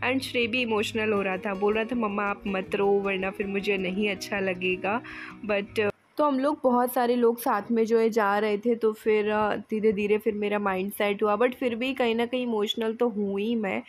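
A woman's voice: on the high side, steady tone, normal speed, faint music behind. A woman in her thirties narrating her vlog in a chatty, heartfelt voice-over. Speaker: vlogger. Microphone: voice-over mic.

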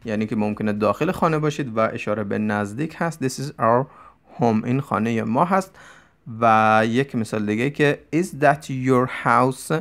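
Gravelly-voiced man teaching English vocabulary. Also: fairly low pitch. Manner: explains in Persian, reads English examples slowly and deliberately. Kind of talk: Persian-language English vocabulary lesson.

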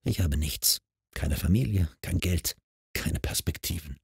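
Audiobook: male narrator doing a scornful teen girl, husky and low, dry sound. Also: big pitch swings, fairly quick, darkish tone, no room sound, full character voice. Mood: despairing. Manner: defiant, scornful. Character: bitter, hostile teenage girl, on the edge of tears.

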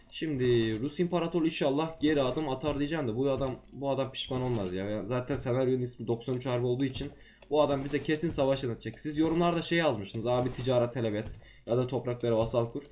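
A man's voice: mid-range voice, a little mellow, slight background noise. A man who has just woken up, giving casual, chatty game commentary to his viewers in an informal way. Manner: just woke up, slightly groggy-sounding voice. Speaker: gaming YouTuber, host.

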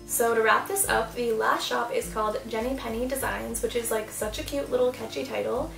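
In a rough, reverberant recording made from a distance over music, a young adult woman talks a little fast in a slightly high, gravelly voice with a steady tone. She's a mom vlogger doing a casual baby-clothes haul, sitting in a small room before louvered doors, bubbly and gushing with many "super"s and "like"s.

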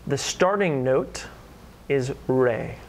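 A man teaching singing, speaking calmly and patiently and singing chant and solfege slowly as demonstrations. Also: mid-range voice, slight background noise. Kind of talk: instructional voice-over with sung demonstrations.

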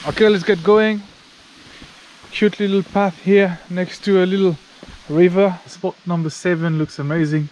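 A man's voice: sits high, steady tone, unhurried, darkish tone, rough recording. A man giving casual, informal travel vlog commentary while outdoors, chatting freely. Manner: informal, chatty, occasional swearing. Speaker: travel vlogger. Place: outdoors on forest walking paths. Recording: outdoor ambience noise.

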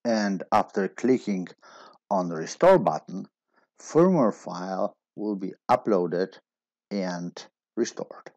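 A man giving a steady step-by-step technical tutorial as a voice-over. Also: low voice, slow pace, no room sound, lo-fi sound. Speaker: instructor.

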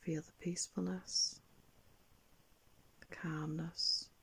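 An older woman leads a guided meditation in the manner of a sleep story narrator. Her voice is very breathy and whispered, sitting a little low. She speaks calmly and very slowly, leaving space between soft phrases. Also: low-quality recording. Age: older, around 60s. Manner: calm, soft, unhurried, with long pauses. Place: small indoor room.

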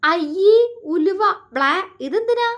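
A woman's voice: sits high, lively intonation, a little slow, pitched above the performer's own voice. A woman voicing a pouty, anxious young woman who whines and pleads with her lover. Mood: whiny disgust. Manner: whiny, pleading, sulky.

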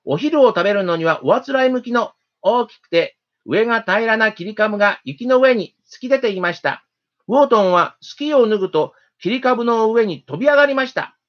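A storyteller narrates a children's tale in a gentle, steady, expressive reading. The voice sits at a middle pitch. The recording sounds dull and lo-fi. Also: brisk.

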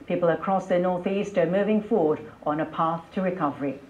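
A woman anchors scripted TV news in a fairly low, fairly quick voice. Her broadcast is replayed over speakers in a lecture room, so the playback sounds dull and echoey, as in a hall.

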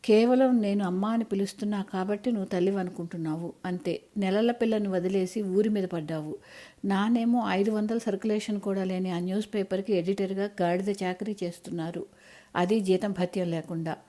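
A woman voicing an angry young college-age daughter with a sharp, accusing, scornful way of talking in an audiobook story. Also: medium pitch, steady tone, fairly quick, natural voice.

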